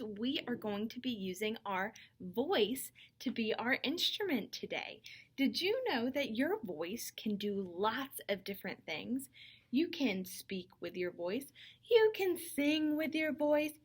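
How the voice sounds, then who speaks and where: A woman music teacher giving a lesson to young children, speaking slowly and clearly in an encouraging way. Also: fairly high pitch, expressive. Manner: slow, clear and encouraging, demonstrating voices.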